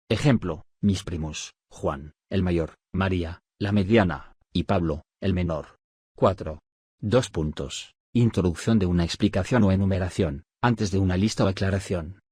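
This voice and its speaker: Low, husky male narrator for a study audiobook; steady dictation pace, dry close recording. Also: no room sound. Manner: measured, list-like dictation with pauses. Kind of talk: scripted reading of spelling rules.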